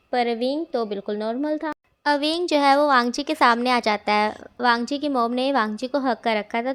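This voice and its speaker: A woman narrates a romance fan story in a loose, conversational way. Her voice sits high, and she peppers the telling with fillers. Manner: chatty, with frequent fillers. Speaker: fanfiction reader.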